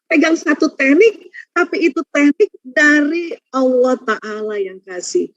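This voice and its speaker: A middle-aged woman giving a religious parenting seminar, lively and acting out quoted voices of mothers and children. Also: high-pitched, takes it slowly, no echo. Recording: dull muffled dry recording.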